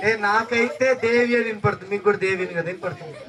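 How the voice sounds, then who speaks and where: A woman presents a children's puppet show with playful banter and teasing mock scolding, speaking fast at a medium pitch. She is recorded on a distant mic amid a noisy crowd of children.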